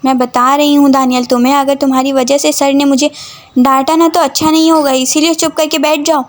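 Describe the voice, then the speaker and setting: A woman voicing a studious young female student in a homemade audio story, snapping and scolding. The voice is high and bright. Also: level tone, a little fast, close to an everyday voice. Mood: irritated. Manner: scolding and irritable.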